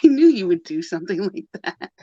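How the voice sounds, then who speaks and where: This co-host of a pagan livestream talks fast and with lots of animation, her medium-pitched voice carrying a dark tone as she laughs and meanders through the subject. It's a relaxed group chat on a live video call, captured in dull, dry call audio.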